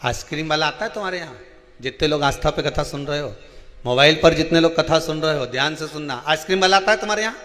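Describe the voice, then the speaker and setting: A man with a central Indian Hindi accent preaches, his voice high and bright. He tells a story and acts out its dialogue, dropping soft and then rising loud. Long reverb rings around him, with faint music underneath. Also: quick pace. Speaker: preacher telling a scripture story. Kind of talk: sermon.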